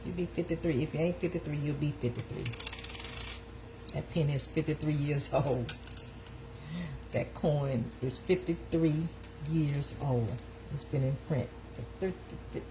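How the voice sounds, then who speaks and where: A woman's voice: deep voice, noisy background. A woman, hosting a casual live chat and calling out to her viewers. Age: 50s. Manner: chatty, calls out to viewers. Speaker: live stream host.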